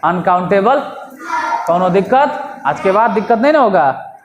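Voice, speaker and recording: A man's voice: high-pitched, animated, normal speed, muffled recording. Man, teacher, quizzing pupils, echoey classroom, faint room noise. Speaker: English teacher. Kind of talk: classroom lesson.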